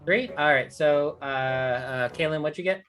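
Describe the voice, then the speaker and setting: A woman's voice: deep voice, unhurried, a bit bright, soft background music. A woman running a tabletop game as dungeon master. She talks in a rambling, playful way with lots of fillers.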